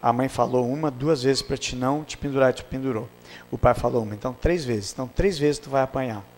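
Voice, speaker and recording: A middle-aged male pastor, preaching a sermon and telling family stories with acted dialogue, swinging from loud to hushed. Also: medium pitch, quick pace. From Brazil.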